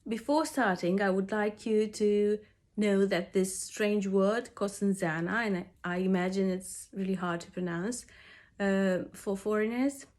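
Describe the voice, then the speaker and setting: Romanian woman with a head cold, nasal, unhurried and soft-toned, teaching stitching with lots of ums. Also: medium pitch. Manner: hesitant, with many fillers. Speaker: craft workshop founder teaching cross stitch. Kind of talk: home craft tutorial.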